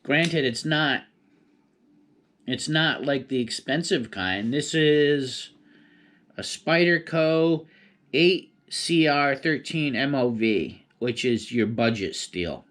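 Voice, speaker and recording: A man with a mid-pitched voice talks in a laid-back stoner way. He rambles casually, as if chatting to viewers by himself, drifting loosely from one thought to the next. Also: takes it slowly, fairly bright tone. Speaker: vlogger. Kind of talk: casual solo rambling chat.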